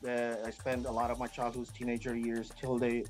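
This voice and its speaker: A man's voice: mid-range voice, monotone, brisk, faint music behind. A man from Iran, a guest talking earnestly and hesitantly in an interview. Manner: earnest, hesitant, many fillers and restarts. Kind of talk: interview conversation.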